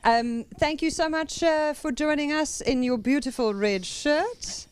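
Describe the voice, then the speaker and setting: A woman's voice: high-pitched, unhurried, no room sound. A woman with a South African, Afrikaans-tinged accent, hosting a podcast in a playful, self-deprecating, chatty way. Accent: South African, Afrikaans-influenced. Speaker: podcast host. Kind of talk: casual, joking chat.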